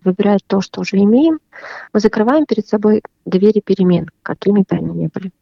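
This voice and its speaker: Calm woman psychotherapist, muffled dry sound. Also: mid-range voice, creaky, no room sound. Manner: calm, measured advice. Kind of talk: radio advice answer.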